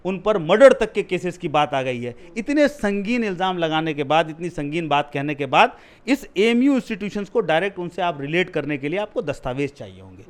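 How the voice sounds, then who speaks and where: Thirties male candidate with a high voice, pressed in a heated interview, argues hard. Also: very animated, brisk. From India. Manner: argues forcefully, rising loud when challenged. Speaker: political candidate.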